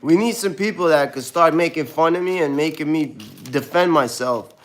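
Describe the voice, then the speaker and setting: Brooklyn-accented man, slightly high voice. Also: normal speed. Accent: New York (Brooklyn). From born in Ukraine, raised in Brooklyn, New York. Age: 30s. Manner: loose, rambling, says "bro" constantly. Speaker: livestreamer answering chat. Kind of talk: casual live-stream chat.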